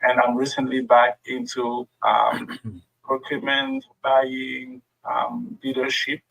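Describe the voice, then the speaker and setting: A middle-aged guest speaker whose first language is French gives a friendly workshop presentation over a video call, with a French accent and plenty of fillers. His mid-range voice is monotone, slow, creaky and fairly bright, and the recording is rough.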